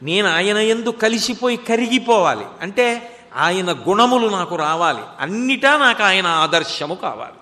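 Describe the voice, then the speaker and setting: High, bright-voiced man giving a sermon. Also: animated, normal speed. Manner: storytelling with rhetorical questions. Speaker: religious discourse speaker. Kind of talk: spiritual discourse. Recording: long hall reverb.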